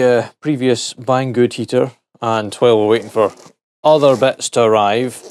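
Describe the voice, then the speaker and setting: A middle-aged gadget reviewer chats casually and jokily while testing and taking apart a device, talking to himself as he works in a hands-on teardown. His voice is medium-pitched and darkish, and the recording is dry.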